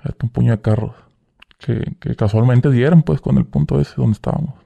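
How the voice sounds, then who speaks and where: A young man who once worked for a cartel tells his story as a guest in a casual interview, full of slang and acting out the quoted dialogue. His voice is medium-pitched, gravelly and mellow, and he speaks fairly quickly.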